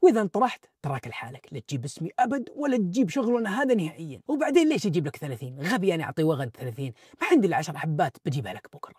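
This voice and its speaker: A man's voice: fairly high pitch, sing-song, rapid-fire, few pauses, a little mellow, slightly rough, no echo, clean studio sound. A man voicing a scornful, threatening male drug dealer in a spoken story. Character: menacing adult male drug dealer, contemptuous.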